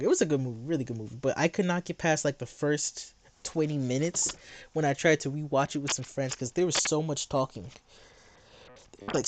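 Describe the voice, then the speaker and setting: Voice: mid-range voice, a little hiss or hum. A livestreamer ranting late at night in a heated, sarcastic way, mocking someone in chat.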